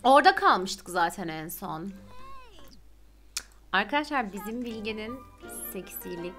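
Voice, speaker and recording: A young woman streaming a life-sim game, chatting excitedly and gushing to her viewers. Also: mid-range voice, a little slow, soft background music. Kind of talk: casual gameplay commentary.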